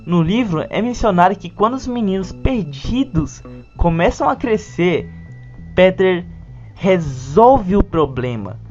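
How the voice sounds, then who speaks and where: Slightly mellow and medium in pitch, this Brazilian Portuguese-accented narrator delivers a scripted, partly casual video essay. Music plays behind the dull, lo-fi audio.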